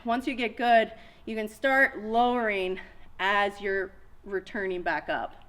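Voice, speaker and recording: A woman's voice: mid-range voice, steady tone, unhurried, a bit bright. A woman in her thirties coaching a dumbbell workout, cueing each move step by step and a little out of breath. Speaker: fitness coach. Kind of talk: workout instruction.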